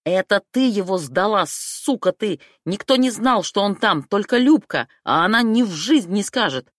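A jittery young man with a short fuse, as a woman reader puts him on in a storybook reading, gruff and pitched low. He mutters and dodges, then bursts into shouting. The sound is close and dry. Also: moderate pace, no echo. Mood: yelling, furious. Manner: lowered voice, blurts, shouts when accused. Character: jittery scared young man, hot-tempered.

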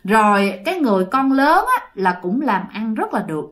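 Telling a ghost story in a Southern Vietnamese accent, a woman chats straight to her listeners. Her voice is a little high and a bit bright, swinging widely in pitch at a moderate pace.

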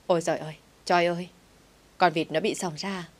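A woman reading an audio story, voicing a fussy grandmother over 60 who scolds quickly. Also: on the low side, fairly even intonation, lightly acted. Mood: scolding.

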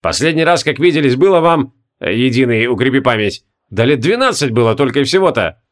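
A man's voice: mid-range voice, lively intonation, brisk, natural voice. A man voicing a jovial, folksy old undead marshal who speaks in rustic turns of phrase and barks commands at his troops. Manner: folksy rustic speech, gruff barking commands.

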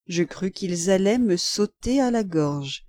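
A woman reading a classic novel aloud as an audiobook narrator, in a measured, expressive storytelling manner. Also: medium pitch, no echo, studio quality. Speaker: audiobook reader. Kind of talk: scripted literary narration.

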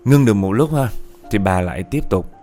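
A man's voice: fairly low pitch, brisk, soft background music. Chatty male storyteller. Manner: chatty, animated, addresses listeners. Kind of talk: casual ghost-story narration.

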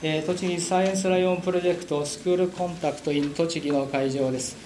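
A man working as a ground station control operator, heard over a radio link. He reads out call signs slowly and repeats his hails. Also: on the high side, steady tone, darkish tone. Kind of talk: amateur radio call procedure. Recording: noisy, echoey radio audio with clicks.

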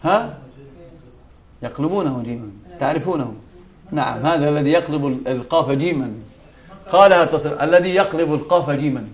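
The speaker is a sheikh leading a religious lesson, his male voice pitched fairly high. He hammers home key words through repetition, quotes from scripture, and occasionally breaks away to address the class in quick asides.

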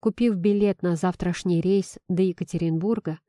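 A woman reading a first-person novel aloud in a measured, expressive storytelling manner. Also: on the low side, dry recording, clean studio sound. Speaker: audiobook narrator.

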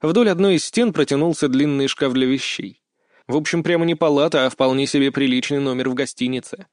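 A man's voice: medium pitch, fairly quick, dry recording. Man reading an audiobook, dry. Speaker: narrator. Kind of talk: first-person audiobook narration.

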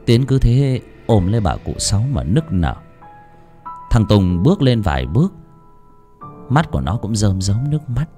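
A man narrating a serialized novel in an expressive, dramatic storytelling manner. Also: fairly low pitch, normal speed, long pauses. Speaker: audiobook narrator. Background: faint background music.

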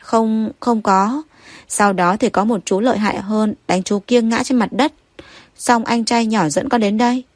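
A woman voicing a frightened five-year-old girl who speaks in a halting, tearful way in an audiobook story. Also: on the high side, fairly even intonation, dry recording, pitched above the performer's own voice.

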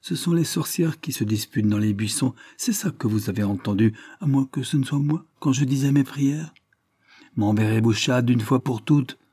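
A man's voice: medium pitch, moderate pace, dark tone, slightly rough, voice pushed up, lightly acted. A man voicing a sly, lying old peasant widow who whines and pleads. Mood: whining pleading.

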